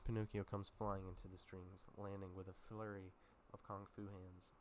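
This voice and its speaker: A man's voice: sits low, level tone, normal speed, slight background noise. A man with a sore throat reading a film script aloud casually, with dry asides and small stumbles. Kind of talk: casual script read-through.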